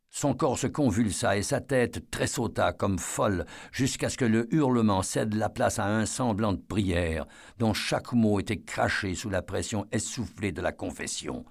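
A man reading an audiobook as narrator, in a measured and expressive way. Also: lowish voice.

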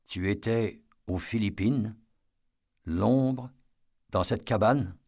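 A man reading a soft-spoken old veteran. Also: lowish voice, no room sound, clean studio sound. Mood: gentle. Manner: slow, precise, softly spoken. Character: older man, gentle, haunted war veteran.

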